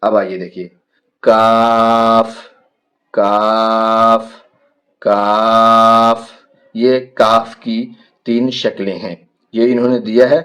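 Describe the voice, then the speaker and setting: A man teaching a Quran reading lesson, stretching out each letter name, then explaining quickly in between. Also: lowish voice. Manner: drawn-out letter names called slowly, then quick explanations. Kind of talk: teaching a Noorani Qaida lesson.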